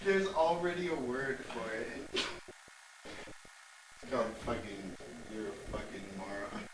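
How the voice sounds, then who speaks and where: A man's voice: medium pitch, very animated, slow pace. A tipsy young man joking crudely with friends, heard on an old camcorder tape. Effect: old camcorder tape sound. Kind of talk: casual chat among friends. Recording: roomy, noisy camcorder audio from a distance.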